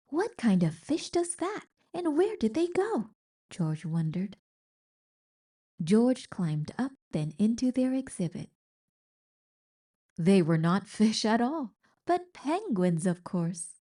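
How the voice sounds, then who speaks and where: It's a storybook reading: a woman, medium in pitch, voices a children's picture book with expressive, carefully deliberate delivery.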